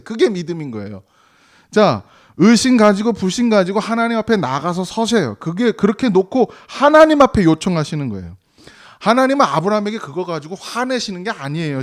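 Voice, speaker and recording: A male pastor preaching a Sunday sermon in a conversational way, asking the congregation rhetorical questions and acting out quoted voices. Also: sits high. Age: 40s or older. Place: church sanctuary.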